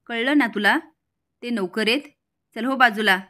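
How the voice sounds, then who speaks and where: A woman's voice: fairly high pitch, moderate pace, pushed and bright. Casual: a woman doing a snooty young rich lady, scolding and rude. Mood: scornful. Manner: scolding, insulting.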